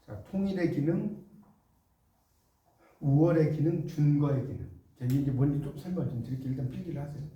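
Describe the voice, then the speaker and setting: A man's voice: a little high, brisk, far from the mic, lo-fi sound. A middle-aged man teaching a class, dictating notes, repeating key phrases and checking whether his students follow. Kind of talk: classroom lecture. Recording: echoey room, voice from off-mic.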